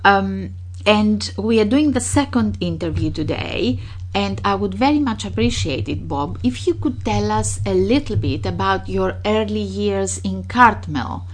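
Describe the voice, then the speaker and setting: A woman conducting an oral history interview, asking polite, measured questions. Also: mid-range voice, lively intonation.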